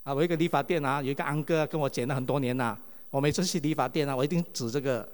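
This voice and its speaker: A man's voice: mid-range voice, racing. A male pastor, preaching a sermon and asking the congregation question after question. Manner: lively, asks the congregation many rhetorical questions. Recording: long reverb of a hall.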